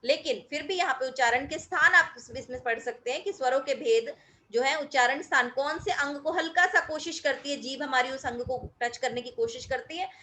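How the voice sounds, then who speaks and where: A middle-aged woman teacher explains a recorded grammar lesson to her pupils in a high, clear voice. She is patient and methodical, stretching out sounds when she demonstrates how they are pronounced. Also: normal speed, bright, forceful tone, slight background noise. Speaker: school teacher.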